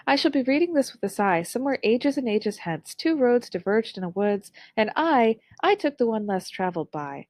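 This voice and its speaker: A young adult woman giving an online lesson on public speaking, with a clear, upbeat instructional delivery. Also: medium pitch, a little mellow, no echo.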